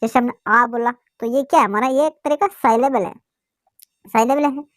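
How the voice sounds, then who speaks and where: A woman's voice: fairly high pitch, normal speed, no echo, clean studio sound. A woman teaching a basic English lesson, asking questions and answering them herself. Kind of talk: classroom lesson explanation.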